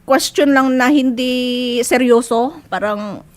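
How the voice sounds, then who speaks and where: A woman's voice: sits high, slow pace. A middle-aged woman telling of her husband's cheating, tearful and pleading. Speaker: complainant wife. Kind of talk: emotional testimony.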